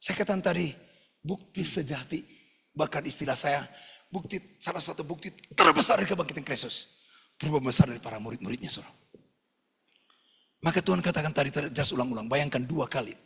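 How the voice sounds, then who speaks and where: Male pastor, jokey and animated preaching, mimics people in stories; husky, gravelly. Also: a little high, fairly quick, pauses often. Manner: lively, jokey preaching, often addressing listeners as "saudara"; mimics other people's voices when retelling stories. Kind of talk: sermon.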